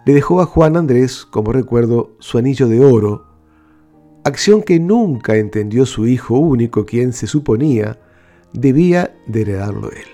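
A man hosting a radio program, calmly telling stories and reading out letters from listeners. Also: mid-range voice, normal speed, soft background music. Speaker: radio host.

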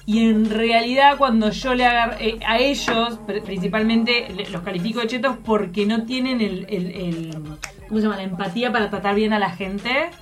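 A woman's voice: a little high, steady tone, normal speed, soft background music. A woman with a posh Montevideo accent and a nasal, upper-class way of talking, hosting casual radio studio chat. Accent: posh Montevideo Uruguayan. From Montevideo, Uruguay. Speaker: radio show host.

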